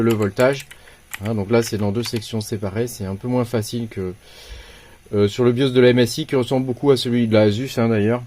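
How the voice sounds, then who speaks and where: A man's voice: mid-range voice, mellow, a little hiss or hum. Casual French man explaining BIOS settings. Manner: hesitant, many fillers and restarts; informal, slangy. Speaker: tech tutorial host. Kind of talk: casual screen-recorded tutorial.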